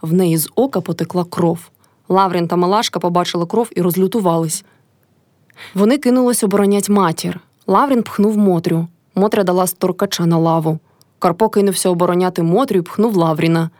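A woman reading a classic novel aloud in an expressive narrating voice. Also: lowish voice, fairly quick, dry recording. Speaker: reader.

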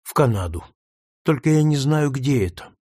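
A man's voice: medium pitch, animated, normal speed, darkish tone, no echo, clean studio sound, lightly acted. A man voicing a frightened runaway woman. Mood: meek. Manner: meek, desperate. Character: fearful young runaway woman.

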